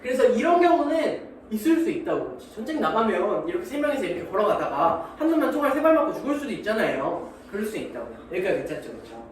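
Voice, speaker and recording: Lively, high-voiced male math teacher, jokey and slangy, heard from far off in a roomy classroom. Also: fast talker, few pauses. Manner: animated, joking, acts out little scenes; slangy, keeps checking understanding. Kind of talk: classroom lecture. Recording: echoey room from far off, noisy.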